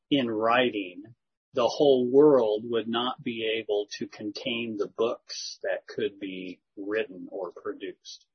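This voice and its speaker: A man, a church elder, calmly and thoughtfully explaining scripture in a slow, measured way during a group discussion. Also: mid-range voice, husky. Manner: measured, thoughtful, gently corrective. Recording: dull lo-fi recording.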